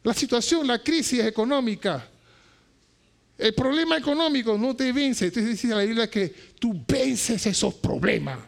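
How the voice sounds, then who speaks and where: A man preaching an impassioned sermon as pastor, shouting lines and then dropping to quiet asides, repeating phrases for emphasis. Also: extremely high pitch, expressive, moderate pace, gravelly.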